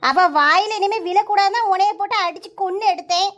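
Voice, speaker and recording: A voice actor playing a scolding village mother in a cartoon, speaking with a Kanyakumari Tamil accent in a sharp, threatening manner. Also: fairly quick, dull audio. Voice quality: high, pitched-up cartoon voice. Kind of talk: cartoon voice acting.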